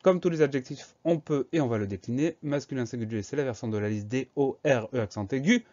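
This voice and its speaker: A man teaching a French spelling lesson, going through each word slowly and spelling it out letter by letter. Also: mid-range voice, warm tone, lo-fi sound. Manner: slow, methodical, spelling words letter by letter.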